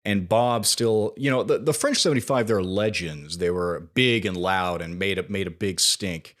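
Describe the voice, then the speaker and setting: A man's voice: low voice, moderate pace, fairly bright tone. A man co-hosting a podcast, casually retelling film scenes in detail. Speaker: podcast co-host.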